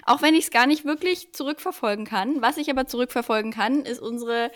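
A woman's voice: fairly high pitch, a little fast, no echo, clean studio sound. A woman from Franconia co-hosting a podcast, telling a story casually with light laughs. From Franconia, Germany. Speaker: podcast co-host.

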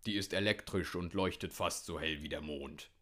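A man voicing a grumpy old male hunter in a storybook, talking in a gruff grumble. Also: deep voice, moderate pace, a bit bright, pitched below the performer's own voice. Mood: grumbling.

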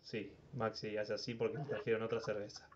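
With a lowish, flat voice and a brisk pace, a Uruguayan podcast host rambles through casual sports talk, the recording missing its high frequencies. He tends to repeat words as he thinks aloud.

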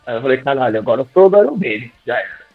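A young man, a singing teacher, telling animated, slangy stories in a podcast interview and acting out his own old lines. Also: mid-range voice, very fast, slightly rough. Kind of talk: casual storytelling in a podcast interview. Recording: tinny phone-like sound with faint music.

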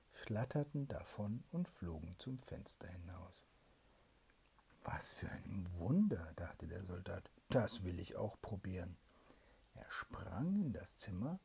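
A mother in a whispered bedtime story reading, hushed and slow. Her voice is dark and gravelly with a rough, breathy whisper. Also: extremely low pitch. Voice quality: raspy whisper.

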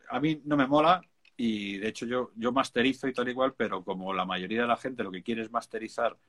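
A man's voice: fairly low pitch, fairly bright tone. Casting: Spanish-accented man, music producer, casual slangy chat, emphatic. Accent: Spain Spanish. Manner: chatty, informal, emphatic, peppered with slang.

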